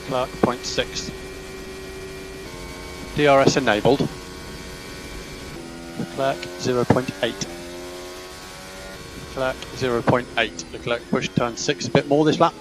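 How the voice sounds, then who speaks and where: A man's voice: medium pitch, fairly even intonation, takes it slowly, long pauses, background noise. A man working as a race engineer, giving terse, repeated instructions in clipped team radio messages over engine roar. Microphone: radio headset.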